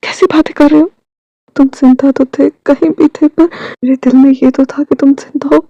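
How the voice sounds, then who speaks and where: A woman voicing a calm, devoted young husband who soothes and reassures in a storybook reading. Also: high-pitched, normal speed, gravelly, no echo, muffled recording. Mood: soothing.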